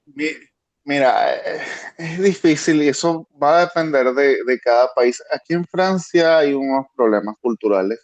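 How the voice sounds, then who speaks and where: A man's voice: mid-range voice, unhurried. A Venezuelan man with a Venezuelan Spanish accent, a guest analyst thinking aloud with frequent restarts over a video call. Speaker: guest, international security analyst. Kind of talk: conversational expert analysis.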